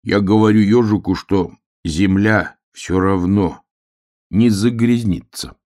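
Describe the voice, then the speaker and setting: A man doing a gruff, slow bear cub. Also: fairly low pitch, a little mellow. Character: sturdy, grumbling young male bear cub. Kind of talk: storybook reading.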